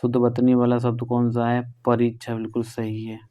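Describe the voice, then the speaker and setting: Male exam-prep tutor, northern Indian Hindi, brisk and conversational, smooth mellow voice. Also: medium pitch, monotone. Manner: brisk and conversational, drawing out key words. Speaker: teacher. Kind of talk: exam prep lesson going through questions.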